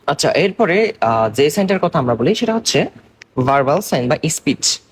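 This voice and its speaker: A young man from Bangladesh teaches an exam-focused medical lesson. His voice sits a little high and has a husky edge. He explains step by step and keeps checking that his students are following. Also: very animated. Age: young adult. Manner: explains slowly in mixed Bengali and English terms, checking understanding. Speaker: medical lecturer.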